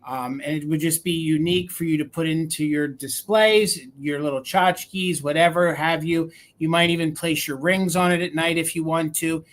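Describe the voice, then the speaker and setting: A woman's voice: deep voice, fairly even intonation, moderate pace, hardly any pauses. A woman with a regional American accent, hosting a live vintage sale, chatting as she describes items and counts down bids. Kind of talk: live auction selling.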